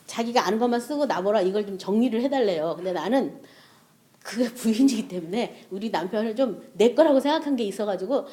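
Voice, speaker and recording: Lively woman preaching a sermon. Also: medium pitch, fairly quick. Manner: lively storytelling with laughter and rhetorical questions.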